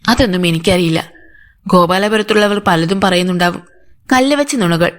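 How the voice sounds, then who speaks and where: A woman's voice: lowish voice, normal speed, close to an everyday voice. A woman voicing an older housemaid who gives anxious, defensive answers to police. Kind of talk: audiobook character voice.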